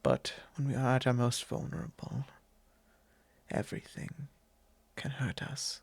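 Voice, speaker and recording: A man voices a courteous vampire lord who confides in a soft, intimate ASMR roleplay. His mid-range voice is gravelly and slightly rough, and he speaks close to the mic, solemnly and tenderly, in measured, formal, hesitant phrases, with a grave, hushed mood.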